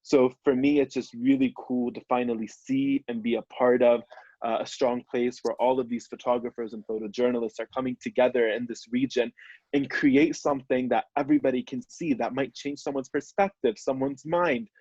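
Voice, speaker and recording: Young man, earnest and eager, mid-pitched, dry and muffled lo-fi sound. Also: fairly even intonation, normal speed, warm tone, dry recording. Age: young adult. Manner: earnest, enthusiastic. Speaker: photojournalist, co-editor. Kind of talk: video call panel introduction.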